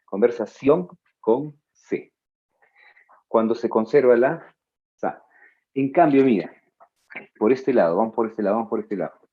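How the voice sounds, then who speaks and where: A male teacher giving a spelling lesson, drawing out his words slowly and adding playful asides to his students. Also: mid-range voice, dark tone, breathy edge, highs cut off. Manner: slow, drawn-out words, playful asides to the listener.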